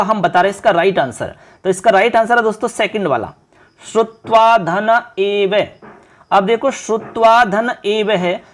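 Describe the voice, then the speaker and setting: High-voiced man tutoring Sanskrit exam prep. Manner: addresses viewers as friends, quizzes them; repetitive explaining, Hindi mixed with English terms. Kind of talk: online exam-prep lesson.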